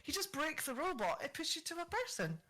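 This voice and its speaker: A woman's voice: high voice, very animated, a little fast, sharp tone, rough recording. A woman co-hosting a podcast, telling work stories in a blunt, emphatic, casual way. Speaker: podcast co-host, store worker. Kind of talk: casual chat.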